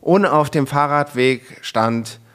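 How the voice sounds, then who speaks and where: A man's voice: medium pitch, slow, clean tone. A young man co-hosting a casual podcast, telling a story with lots of slang and acting out the quotes. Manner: animated storytelling, acts out quotes, filler-heavy slang. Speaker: podcast co-host.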